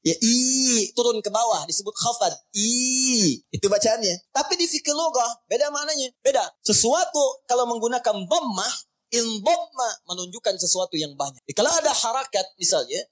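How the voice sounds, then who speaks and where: A man teaching a class on Arabic grammar, who keeps asking his listeners questions and then answers them himself, and slowly recites Arabic phrases between his explanations. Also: very high voice, big pitch swings. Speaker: teacher of Arabic and Quran reading.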